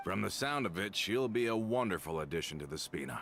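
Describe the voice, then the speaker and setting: A courtly, deep-voiced retainer. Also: male voice, very animated, quick pace, fairly bright tone, a little hiss or hum, full character voice. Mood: warm. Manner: formal, refined wording. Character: courtly adult male retainer, loyal and formal.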